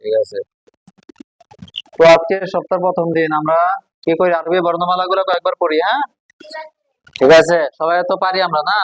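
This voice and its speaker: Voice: mid-range voice, brisk, pauses often, no echo, highs cut off. A Quran teacher, patiently drilling a class on letter sounds and asking them questions. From Bangladesh. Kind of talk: classroom call-and-response drill.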